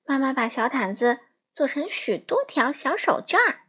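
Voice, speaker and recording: A woman reading a picture book aloud to young children in a lively, coaxing storytelling manner. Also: high voice, normal speed.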